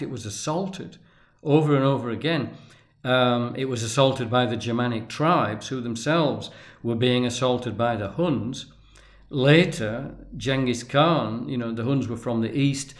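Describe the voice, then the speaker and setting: A man lecturing at length off the cuff, speaking deliberately and pausing often, with restarts as he stresses key words. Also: medium pitch. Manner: deliberate, halting, with restarts and emphatic pauses. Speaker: tarot and religion commentator. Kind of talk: unscripted lecture.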